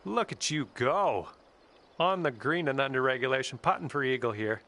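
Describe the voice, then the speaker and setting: A man's voice: medium pitch, animated, normal speed, sharp tone. A man playing an encouraging TV golf commentator, giving casual play-by-play as in a golf video game. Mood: upbeat, encouraging.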